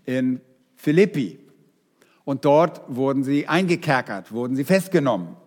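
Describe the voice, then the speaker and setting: A man preaching a sermon, speaking straight to his congregation in a lively way. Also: mid-range voice, measured pace, big-room sound. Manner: lively, addresses the congregation directly.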